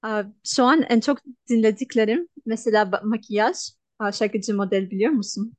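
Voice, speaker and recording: A woman in her twenties from Russia with a Russian accent, answering interview questions in halting, simple non-native Turkish. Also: fairly high pitch, dry recording. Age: 20s. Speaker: interview guest, language learner. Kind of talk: casual interview.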